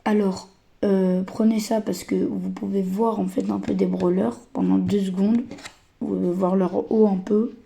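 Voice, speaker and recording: A woman who is a little sick and tired, giving casual game tips in a hesitant, stammering way with a slightly croaky voice. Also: mid-range voice, level tone, unhurried, mellow. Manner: hesitant, stammering, many fillers. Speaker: gaming channel host.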